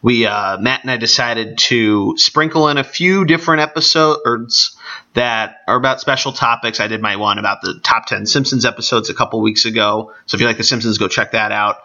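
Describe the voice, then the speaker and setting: A man with a gravelly, allergy-congested voice talking casually on his own as a sports podcast host. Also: mid-range voice, normal speed, bright, forceful tone. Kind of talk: casual solo podcast talk. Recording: dull, band-limited podcast audio.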